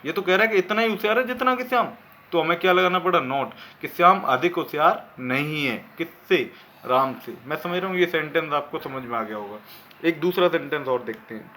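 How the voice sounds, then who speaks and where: Male tutor, bright and slightly tense tone, patient step-by-step explainer. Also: a little high, animated, a little hiss or hum. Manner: explains slowly, asks and answers his own questions. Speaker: English teacher. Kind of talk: classroom grammar lesson.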